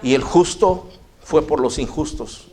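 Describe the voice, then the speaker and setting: A man's voice: a little high, measured pace, dark tone. A man preaching a sermon in a church, telling a personal story folksily and often calling listeners brother. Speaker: pastor.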